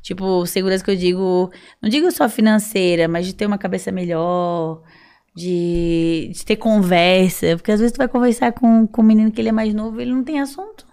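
A woman's voice: medium pitch, steady tone, fairly quick, warm tone, clean tone. A young woman chatting frankly and rambling on a podcast, with lots of fillers. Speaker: guest. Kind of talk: casual podcast chat.

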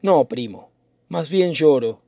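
A man's voice: fairly high pitch, animated, slow pace, creaky, mellow, dry recording, full character voice. A man reading as Benvolio, earnest young cousin. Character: young male cousin, calm and concerned. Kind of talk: dramatic reading of a play.

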